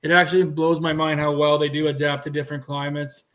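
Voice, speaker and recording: A man's voice: fairly high pitch, level tone, fast, fairly bright tone. A man in his thirties from Canada, a cattle breeder chatting casually on a podcast, rambling a little with restarts. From Manitoba, Canada. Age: 30s. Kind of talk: casual chat.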